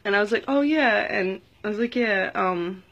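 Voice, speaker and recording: A woman's voice: medium pitch, fairly even intonation, moderate pace, a bit bright, dull audio. Earnest rambling woman sharing a testimony. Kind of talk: casual testimony vlog.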